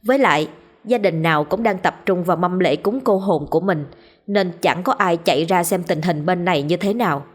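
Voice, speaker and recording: Husky woman telling a ghost story. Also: on the low side, brisk. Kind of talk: scripted horror narration.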